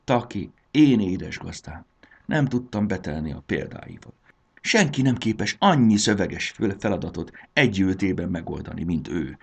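A man's voice: lowish voice, big pitch swings, hardly any pauses, a bit bright, breathy edge, pitched above the performer's own voice, full character voice. A man voicing a fussy, lonely math notebook that misses its schoolboy owner. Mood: eager.

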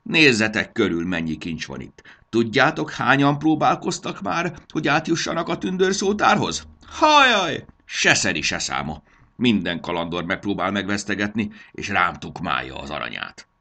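A man voicing a cranky old male elf who guards a treasure room, with a creaky, unpleasant voice, loud, impatient and boastful. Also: lowish voice, big pitch swings, pitched above the performer's own voice, full character voice.

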